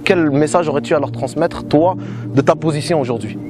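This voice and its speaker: A man's voice: a little high, fairly quick, over music. A man interviewing a guest, putting formal questions and sometimes groping for words in the middle of a question.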